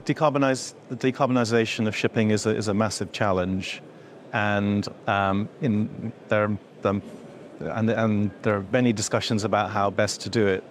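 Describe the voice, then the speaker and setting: Middle-aged man, low and even, hesitant interviewee with lots of ums, faint background hum. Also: normal speed. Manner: hesitant, many fillers and restarts, gesturing while explaining. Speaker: industry association executive. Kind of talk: explanatory interview answers. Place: indoor event room before a logo backdrop.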